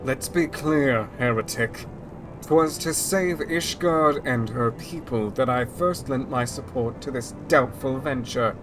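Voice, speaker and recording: A man's voice: mid-range voice, slow, music in the background, lightly acted, low-quality recording. A man voicing a grim, proud, hostile knight who hunts dragons, in stern archaic fantasy game speech. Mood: grim defiance.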